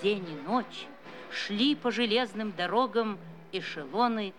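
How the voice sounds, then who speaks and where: Female narrator, mid-pitched, grave and expressive scripted documentary read, faint music underneath. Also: unhurried.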